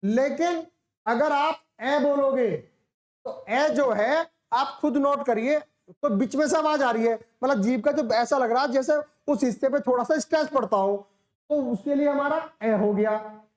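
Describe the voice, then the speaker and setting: A woman's voice: high voice, unhurried, darkish tone, reverberant. A woman teacher giving a lecture, explaining step by step, asking questions and answering them herself, and drawing out sounds to demonstrate them. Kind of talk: classroom lecture.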